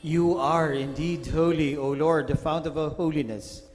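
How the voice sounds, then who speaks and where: A man serving as priest, reciting liturgical prayers solemnly and in measured phrases, heard in a cathedral echo. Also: fairly high pitch, steady tone, a little mellow, soft background music. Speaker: priest celebrating Mass. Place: large church. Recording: long church reverb.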